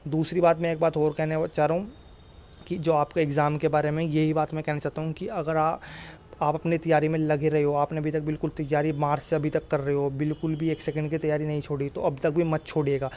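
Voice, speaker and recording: This exam-news YouTuber and coach updates students informally on exams, speaking a little fast in a high-leaning, monotone, slightly mellow voice. He repeats himself insistently and keeps ending phrases with "okay".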